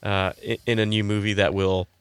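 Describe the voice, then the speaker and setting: Man, podcast co-host, lowish voice, hesitant, many fillers, dry sound. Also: little pitch movement, a little fast, smooth, dry recording. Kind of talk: casual fan podcast chat.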